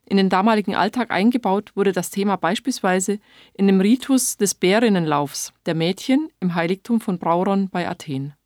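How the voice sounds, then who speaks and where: Woman, scripted narration, explanatory, clear, dry recording. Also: medium pitch, moderate pace, darkish tone, no echo.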